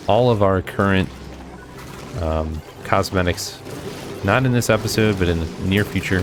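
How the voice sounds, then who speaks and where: A man giving casual commentary while he plays a video game, thinking out loud and talking to himself as he plays. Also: fairly low pitch. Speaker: gameplay video host.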